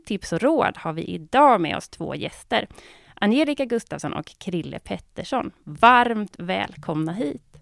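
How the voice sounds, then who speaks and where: A woman hosting a podcast, reading a scripted introduction and then interviewing guests in a calm, measured, welcoming way. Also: medium pitch, gravelly, no room sound, clean studio sound. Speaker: podcast host.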